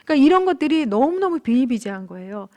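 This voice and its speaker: A woman's voice: high-pitched, quick pace. Earnest woman teaching a marriage class. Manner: earnest, candid storytelling with animated quoted outbursts. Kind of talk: church lecture with personal stories.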